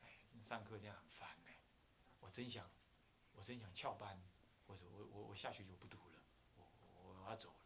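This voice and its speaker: A man's voice: a little fast, a bit bright, slight background noise. A man doing a grumbling, whispering young man. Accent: Taiwanese Mandarin. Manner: low, grumbling mutter.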